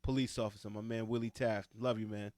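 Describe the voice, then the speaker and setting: A man's voice: lowish voice, flat delivery, a little fast, darkish tone, dry recording, studio quality. A man with a Long Island accent co-hosting a casual sports podcast, talking in an emphatic, opinionated way. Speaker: podcast co-host.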